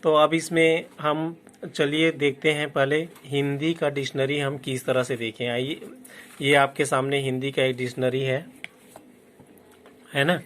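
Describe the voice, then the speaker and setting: A man teaching a lesson on reading a dictionary in his English words. He checks in with "है ना" after each point and slows down to spell out English terms. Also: medium pitch, level tone, a bit bright. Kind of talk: classroom lesson explaining a dictionary.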